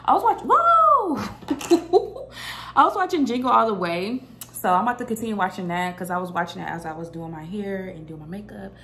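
Bright, forceful and expressive, her medium-pitched voice moves at a normal pace over a slight hiss or hum. The young vlogger chats with viewers she calls y'all from her apartment's kitchen and living room, filming on a phone at arm's length.

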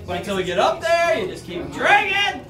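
A man working as a bartender, calling out to a party group in a loud, upbeat hype manner. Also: very high voice, big pitch swings, moderate pace. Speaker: bartender leading a ride party. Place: enclosed observation-wheel bar cabin. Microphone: far camera. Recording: distant, echoey, loud music and crowd.

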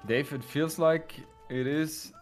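A man co-casting a strategy game tournament he hosts, speaking in a calm, low-key way with short agreements. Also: slow pace, faint music behind. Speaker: tournament host and co-caster. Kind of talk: esports commentary.

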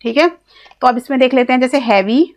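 A woman's voice: sits high, brisk. A woman with an Indian accent teaching an English grammar lesson, explaining step by step, spelling words out letter by letter, and asking questions that she then answers herself. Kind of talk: classroom-style grammar lesson.

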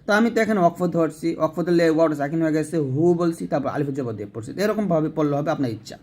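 Male recitation teacher, slightly high voice, patient letter-by-letter explanations and slow drawn-out recitation. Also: a little mellow. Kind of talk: Quran recitation lesson.

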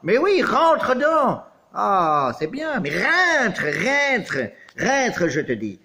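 A man performing a touchy, theatrical character who swoops from shrill squeals down to grumbling mutters, all in a high, lively voice. His tone is bright and sharp, and his melodramatic talk never settles for long. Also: extremely slow, exaggerated voice. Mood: emotional. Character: theatrical, touchy man fussing over a returning friend. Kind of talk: comedy monologue.

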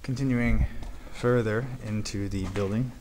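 A man with a fairly low voice explores an abandoned barn-like building and the ground outside it, giving calm walking commentary. His narration is matter-of-fact and dotted with filler pauses, and the handheld camera mic records clear background noise.

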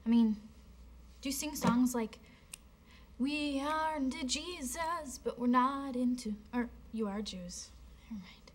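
A woman's voice: high-pitched, a little slow, pauses often. An actress playing a ditzy, tactless young woman who rambles in an airheaded way, on a studio set. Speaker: actor. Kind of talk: sitcom acting.

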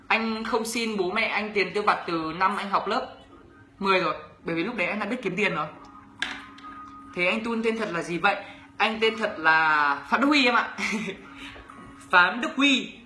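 A young adult man from Bac Ninh, speaking with a Northern Vietnamese accent, hosts a casual livestream as a YouTuber, reading viewer questions and comments aloud and teasing as he responds. His high voice sounds pushed and bright, and the recording is reverberant.

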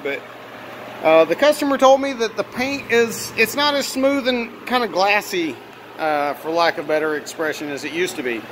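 Male auto detailer, high-pitched, casual walkaround narration, voice raised over steady fan noise in a garage workshop. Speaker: auto detailer presenting own work. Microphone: handheld phone camera, operator behind it. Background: running fan.

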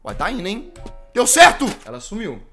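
A man from Brazil giving excitable, joking commentary while playing a horror game, shouting when he gets scared. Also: sits high, normal speed, soft background music. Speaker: gaming YouTuber. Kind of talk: let's play commentary.

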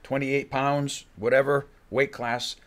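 Speaking flatly in a mid-range, fairly bright voice, an older fight coach gives a casual interview in a studio room with bookshelves, using a boom-arm studio microphone. He's halting and keeps restarting sentences, and he acts out fighters' thoughts.

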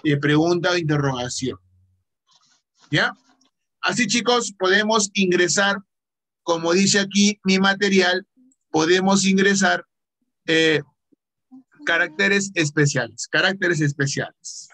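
A man's voice: sits high, takes it slowly, long pauses, pushed and bright. A male teacher with a Peruvian Spanish accent giving a patient online computer lesson, asking questions and then answering them himself.

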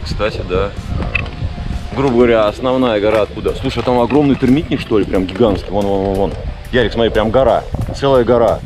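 Chatty low-voiced man outdoors. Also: brisk. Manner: chatty, enthusiastic, many fillers. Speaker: vlogger touring a building site. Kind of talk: casual walk-and-talk. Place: outdoors in the jungle. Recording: loud music over the voice.

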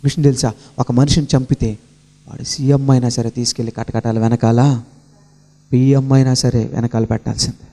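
A male preacher telling a story dramatically, asking the congregation questions and answering them himself, his voice climbing high and loud in intense stretches. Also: level tone, moderate pace. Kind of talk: sermon. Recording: long hall reverb.

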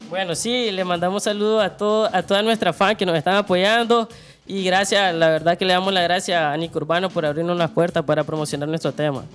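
A man's voice: sits high, steady tone, a little fast, a bit bright, soft background music. A young Nicaraguan man, a musician guest on a studio show, eager in his greetings. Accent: Nicaraguan Spanish. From Chinandega, Nicaragua. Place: TV studio set.

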